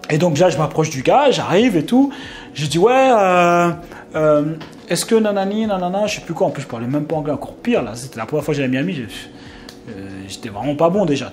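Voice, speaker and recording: A young Frenchman telling a casual vlog story, rambling with many fillers and restarts and sudden animated outbursts. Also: a little high. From France. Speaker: vlogger.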